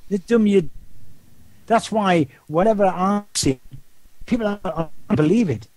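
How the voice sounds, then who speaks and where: An older man with a Geordie accent, a guest in a casual phone-style interview, rambles slowly, repeating words and posing rhetorical questions. His voice sits high with a darkish tone, and the recording is dry.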